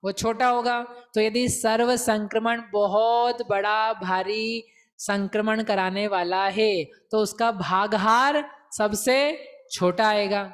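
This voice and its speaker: Slow, playful teacher. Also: male voice, high voice, fairly even intonation, fairly bright tone, clean tone. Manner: playful, coaxes class to repeat terms aloud; slow, deliberate explanation with rhetorical questions. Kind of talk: scripture lesson.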